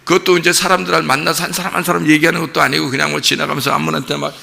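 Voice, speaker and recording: A man preaching at a dawn service in a church, his voice deeply gravelly and strikingly bright. He talks in a loose, conversational way, keeps asking the congregation questions and acts out what people said. The sound rings with the long reverb of the church hall. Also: little pitch movement, racing. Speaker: pastor. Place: church sanctuary.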